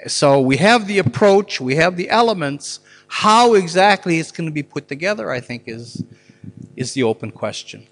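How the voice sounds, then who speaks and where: A man's voice: on the high side, lively intonation, moderate pace, a bit bright. A man giving a public talk and answering questions. He argues earnestly and often repeats words as he works out a thought. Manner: earnest, argumentative, repeats words while thinking. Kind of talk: public lecture with Q&A. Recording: long reverb of a large hall.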